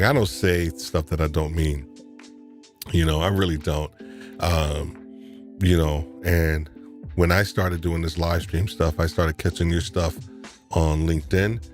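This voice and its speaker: A deep-voiced man from New York hosts a live stream, chatting casually. He rambles, often restarting and repeating words.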